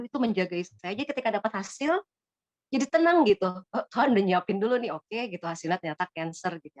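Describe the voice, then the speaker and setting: A woman's voice: lowish voice, no room sound. A woman from Bogor, Indonesia, giving a casual spoken testimony, chatty with many fillers and hesitations.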